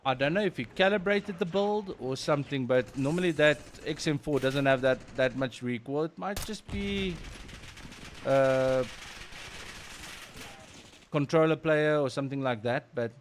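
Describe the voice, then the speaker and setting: A man's voice: a little high, unhurried, a little hiss or hum. A man with a South African accent commentating casually on a live game stream in informal, slangy language. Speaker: livestream host and game commentator.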